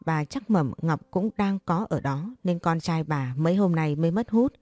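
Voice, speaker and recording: A woman narrating a scripted story in a steady, even reading voice. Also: sits low, moderate pace, no echo, clean studio sound, faint music behind.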